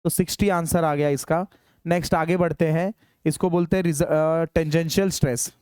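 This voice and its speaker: A man teaching engineering in a classroom, dictating formulas slowly and urging students to hurry. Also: fairly high pitch, fairly even intonation, a little mellow, clear, resonant tone, no room sound, clean studio sound. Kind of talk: classroom lecture solving problems.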